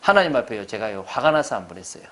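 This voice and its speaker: A man's voice: on the low side, very animated, fast talker, fairly bright tone. A man preaching a Sunday sermon as pastor. He stresses his points hard and keeps putting questions to the congregation.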